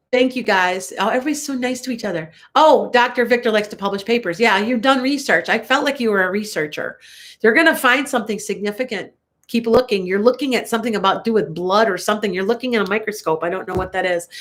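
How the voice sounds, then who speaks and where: An older woman with a Chicago accent and a medium-pitched voice does a live tarot reading for viewers, chatting and rambling along. She sounds congested, coughs a bit, and laughs often.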